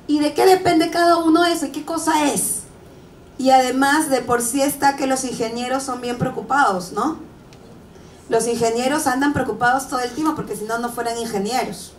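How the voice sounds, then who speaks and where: A woman in her thirties gives a motivational talk to students, lively and joking, tossing out rhetorical questions. Her voice sits a little high. It comes across from some distance in a roomy, echoey hall, with faint room ambience behind. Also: slight background noise. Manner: lively, conversational, asks rhetorical questions and jokes with the audience. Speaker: motivational speaker. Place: large hall or auditorium. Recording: echoey hall, mic far off.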